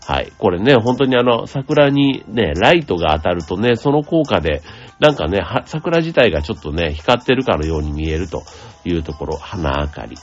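A man hosting a radio show, explaining things in a gentle, chatty way with many asides and fillers. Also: low voice, big pitch swings, normal speed, few pauses, highs cut off, soft background music. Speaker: radio host. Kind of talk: casual explanatory radio talk.

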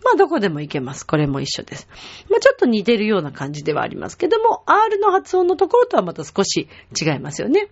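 A woman's voice: medium pitch, wildly swooping pitch, quick pace, a little hiss or hum. A woman teaching a vocal lesson, patiently explaining and demonstrating sounds for her listeners to copy. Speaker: singing teacher. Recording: dull lo-fi web show audio.

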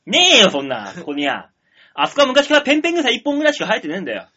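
A man from the Tokyo area hosting a radio talk show, trading rough, teasing jokes with his co-host in casual comedic banter. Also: high-pitched, huge pitch swings, very fast, sharp tone, muffled recording.

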